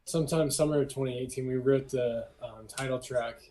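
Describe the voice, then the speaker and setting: Young man, twenties, podcast guest, mellow dark voice, laid-back rambling. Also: medium pitch, brisk, low-quality recording. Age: 20s. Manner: relaxed, laughs often, rambling. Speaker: band member, guest. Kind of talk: casual podcast chat.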